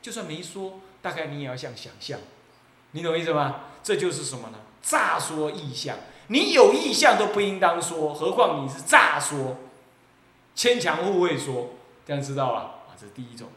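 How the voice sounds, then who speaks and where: A man from Taiwan with a Taiwanese accent, an abbot giving a Buddhist sermon in a lively, mocking way and often laughing. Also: on the high side, moderate pace. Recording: echoey roomy recording.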